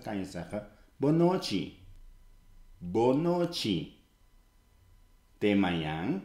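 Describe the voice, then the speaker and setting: A man hosts a language lesson, deliberately presenting and repeating each phrase for learners. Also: low-pitched, creaky, a little mellow. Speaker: language teacher, host. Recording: roomy, echoing sound.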